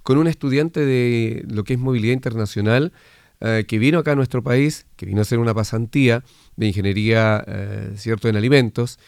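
A man's voice: medium pitch, fairly quick, gravelly, a little mellow, clean tone, no echo, clean studio sound. A man hosting a weekly radio interview, friendly and conversational as he asks his guest questions. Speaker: radio host.

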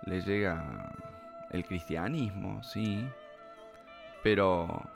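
A man's voice: low-pitched, drawn-out words, gravelly. A man giving thoughtful commentary on a story and then reading it aloud, reflective and hesitant as he talks. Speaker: literature commentator and reader. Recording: music playing underneath.

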